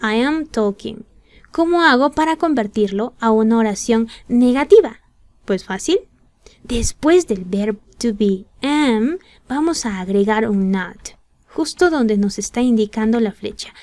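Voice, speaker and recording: A woman teaching an English lesson in a patient, step-by-step way, reading each English example slowly and clearly. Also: fairly high pitch, expressive, darkish tone, no room sound. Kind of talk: slow explanatory lesson narration.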